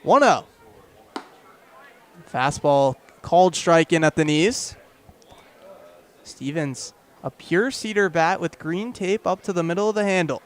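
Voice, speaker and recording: Here a young man handles live radio baseball commentary outdoors at the park, speaking unhurriedly with long pauses. His voice sits fairly high, and his descriptive calls grow louder as plays unfold.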